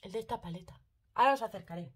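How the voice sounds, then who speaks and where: A woman's voice: medium pitch, rapid-fire, fairly bright tone, slightly rough. A woman chatting casually through a makeup tutorial, talking straight to her viewers and using lots of diminutives. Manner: chatty, addresses viewers directly, fond of diminutives. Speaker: makeup vlogger.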